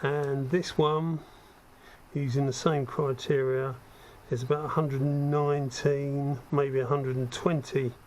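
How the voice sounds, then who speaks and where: A man with a slightly croaky, cold-affected voice giving a casual hands-on demonstration, thinking aloud as he works. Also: mid-range voice, unhurried. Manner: conversational, self-deprecating asides, thinking aloud while working. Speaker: hobbyist host demonstrating spray gun equipment. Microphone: head-mounted action camera. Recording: steady background noise from workspace.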